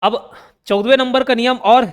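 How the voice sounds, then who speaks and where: High-voiced man teaching grammar. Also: fairly even intonation, normal speed, smooth, in a large hall. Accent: Chhattisgarh Hindi. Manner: explains step by step, asks and answers his own questions. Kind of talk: grammar lesson.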